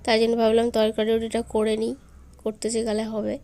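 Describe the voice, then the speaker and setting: Young mom vlogging at home sick with fever, sweet coaxing baby talk then chatty, kinda high voice. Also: female voice, monotone, fairly quick, warm tone. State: unwell with fever. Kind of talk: casual home vlog. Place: home, bedroom and kitchen.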